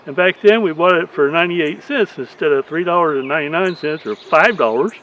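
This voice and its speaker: A man's voice: on the high side, animated, brisk, fairly bright tone, slight background noise. A man in his eighties, a beekeeper, chatting in a rambling, folksy way through an outdoor how-to video. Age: 80s. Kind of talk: casual how-to vlog. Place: outdoors in a rural yard. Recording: slightly dull lo-fi sound.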